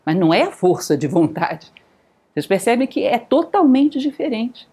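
A middle-aged woman with a Rio de Janeiro accent lectures on philosophy in a husky, slightly lower voice. Her pitch rises and falls widely as she keeps turning to the audience with rhetorical questions. The tone is dark and mellow. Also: very animated, moderate pace. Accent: Rio de Janeiro Brazilian Portuguese. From Brazil.

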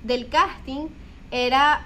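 High-pitched woman, rambling casual chat. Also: fairly even intonation, takes it slowly, pushed and bright, slight background noise. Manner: rambling, restarts a lot while telling stories. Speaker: actress. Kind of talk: casual chat among friends.

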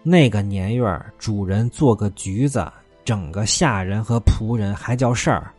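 A man's voice: fairly low pitch, unhurried, a little mellow, breathy edge, soft background music. Male storyteller with wry asides. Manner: wry commentary between scenes. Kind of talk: storytelling narration of a classic novel.

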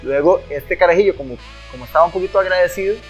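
A Costa Rican man explaining plot points quickly in a casual chat. His sound is a little dull and lo-fi. Faint music plays behind him. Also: high voice. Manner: explaining, storytelling.

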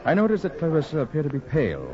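An actor playing a gentleman narrator who tells the tale in measured 1940s radio drama narration. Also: on the high side, wildly swooping pitch. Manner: measured storytelling. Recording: muffled 1940s radio with crowd murmur behind.

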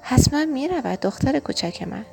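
A woman voicing a gentle mother in a children's audiobook, speaking softly and reassuringly. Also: high voice, animated, gravelly, faint music behind, voice pushed up. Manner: soft, reassuring. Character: gentle, patient mother waiting at home.

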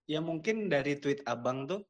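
A man's voice: on the high side, expressive. Agreeable man in casual talk. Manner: agreeable, lots of quick affirmations. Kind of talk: casual podcast conversation.

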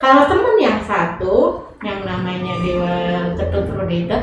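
Animated woman telling her story, echoey. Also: medium pitch, moderate pace, distant mic, over music. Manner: animated storytelling with English phrases mixed in. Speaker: interview guest. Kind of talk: conversational interview. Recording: echoey room, voice off-mic.

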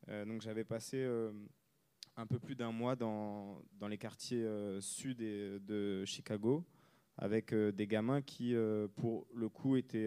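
A French author who used to be a reporter answers interview questions thoughtfully and at a measured pace, often pausing as he searches for words. His voice is on the low side, with a dark, clean tone.

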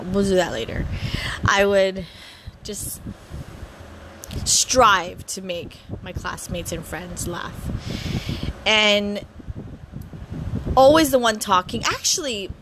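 With long pauses and a slow pace, a woman in her thirties from Hawaii talks casually at home to introduce the podcast she hosts. Her mid-range voice is set against background noise, and she often stammers, restarts and giggles.

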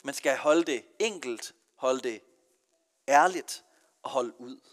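A man from Denmark, a pastor, preaching a sermon with earnest emphasis that rises and falls. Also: medium pitch. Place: church. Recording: long church reverb.

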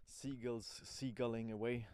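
A man's voice: medium pitch, fairly even intonation, a little slow, a little mellow, smooth. A man speaking non-native English with a Swiss accent, rambling informally and thinking aloud as he records a casual audio diary as an amateur podcaster.

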